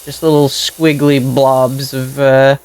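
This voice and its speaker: A woman's voice: extremely low pitch, level tone, takes it slowly, a little mellow, smooth, low-quality recording. A woman streaming a game, muttering dry sarcastic remarks and playfully meowing now and then. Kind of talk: casual gameplay commentary.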